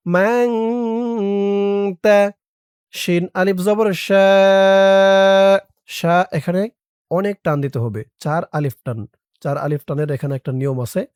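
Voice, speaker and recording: A Quran teacher giving an online recitation lesson, spelling each word syllable by syllable, reciting slowly and drawn out, with quicker asides that explain the pronunciation rules. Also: medium pitch, a little mellow, dry recording, studio quality.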